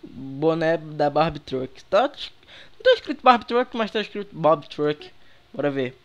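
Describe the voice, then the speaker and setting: A young man with a Brazilian accent giving relaxed, slangy commentary while playing a game, chatting with viewers through a headset mic. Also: on the high side, unhurried, highs cut off. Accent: Brazilian Portuguese. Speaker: gaming youtuber. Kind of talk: casual gameplay commentary. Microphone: headset microphone.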